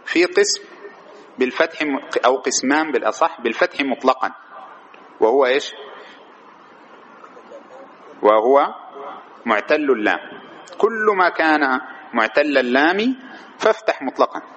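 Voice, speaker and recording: A man gives a grammar lesson in a mid-pitched voice, often putting a question to his students and repeating their answers. He stretches key words as he explains. A faint noise hums behind him. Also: animated, moderate pace, pauses often, a bit bright. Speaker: teacher of Arabic morphology. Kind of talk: classroom lecture with questions to students.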